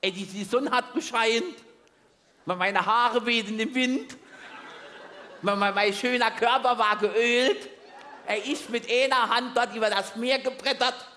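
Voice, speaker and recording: A man's voice: very high voice, steady tone, unhurried, sharp tone. A man with a Saarland German accent performing a carnival comedy monologue on stage, stammering comically over his first words. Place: large carnival hall with audience. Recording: long hall reverb.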